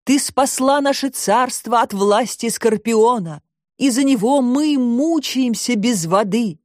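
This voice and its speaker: A woman's voice: on the high side, slow, darkish tone, no room sound, studio quality, voice pushed up. A woman reader voicing a grateful young prince in an audiobook, with solemn exclamations. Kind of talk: audiobook reading.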